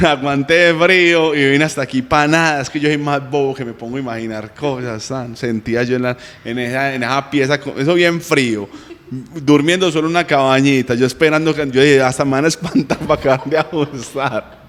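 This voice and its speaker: A man with a Colombian accent casually telling a faith testimony as a guest, lively and self-mocking with frequent chuckles. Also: mid-range voice, a little fast, in a large hall. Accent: Colombian Spanish.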